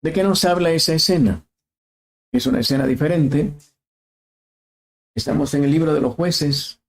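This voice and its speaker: A man's voice: a little high, moderate pace. A man preaching a sermon, asking questions and repeating phrases for emphasis.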